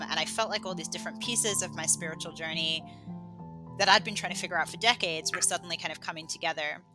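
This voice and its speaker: A woman's voice: fairly low pitch, rough recording. A woman from England, raised in Australia, chatting as a podcast guest in a rambling, self-deprecating way with lots of fillers and restarts. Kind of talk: casual conversational interview.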